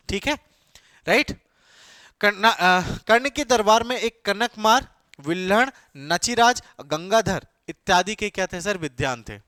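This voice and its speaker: A male exam-coaching teacher lectures in Hindi sprinkled with English terms, repeatedly posing questions to his class and answering them himself. His high, bright voice has a forceful edge. The studio-quality recording has no room sound.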